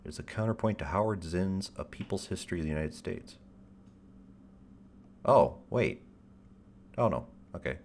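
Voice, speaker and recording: This livestream host's deep radio voice is a little mellow, with lively intonation at a normal speed and frequent pauses. Chatting casually, he rambles in stop-start bursts, wry and self-deprecating, with casual swearing, over slight background noise.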